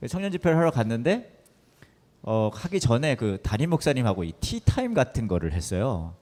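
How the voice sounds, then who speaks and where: Animated male pastor telling a story. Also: mid-range voice, fairly quick. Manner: animated storytelling with playful act-outs. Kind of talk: storytelling talk. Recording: long hall reverb.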